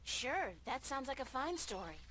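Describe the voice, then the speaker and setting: A woman's voice: high-pitched, very animated, moderate pace, fairly bright tone, slight background noise. An actress playing a curious, wry young woman in a video game, speaking politely and articulately. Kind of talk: video game character acting.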